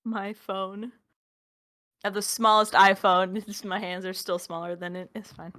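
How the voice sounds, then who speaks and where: A woman in her early twenties from Minnesota co-hosts a podcast, chatting casually with plenty of filler words and self-deprecating asides. Her mid-range voice holds a level tone with a sharp edge, and she talks at a moderate pace.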